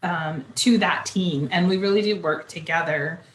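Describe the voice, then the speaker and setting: A woman pastor talks through church news in a relaxed, explanatory way. Her voice sits low, and the room around her rings with noticeable echo. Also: moderate pace, slight background noise. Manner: steady, explanatory church announcements. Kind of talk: casual chat. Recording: echoey room.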